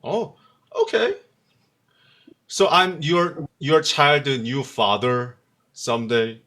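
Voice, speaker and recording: A man, chatting flirtatiously on a video call in halting, broken English. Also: on the high side, sharp tone. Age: 30s. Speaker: guest caller. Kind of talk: casual video call chat.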